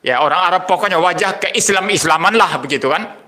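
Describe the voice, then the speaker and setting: A man's voice: sits high, brisk, pushed and bright. An older man, a pastor preaching a sermon, telling personal stories and repeating key phrases for emphasis.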